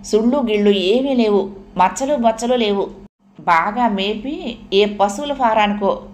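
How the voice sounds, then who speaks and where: A woman voicing a sly, scheming man in a comic audiobook, reasoning slowly and mockingly. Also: mid-range voice, a little mellow, natural voice. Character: scheming middle-aged man, sly adviser. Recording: roomy echo.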